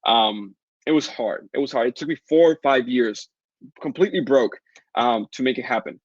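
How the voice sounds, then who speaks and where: An animated Caribbean man, Spanish his first language and his accent Latin American Spanish, leads a live webinar Q&A, fielding chat questions and selling his course fast and upbeat. The recording has no echo and sounds muffled.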